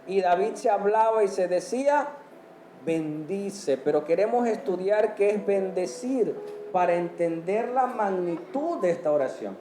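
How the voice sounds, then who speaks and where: A man's voice: high voice, lively intonation, unhurried, mellow, faint music behind. A man preaching a sermon, quizzing the congregation and answering each point with amen. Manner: asks the congregation questions, punctuates with amen. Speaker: pastor. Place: church hall. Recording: echoey church hall.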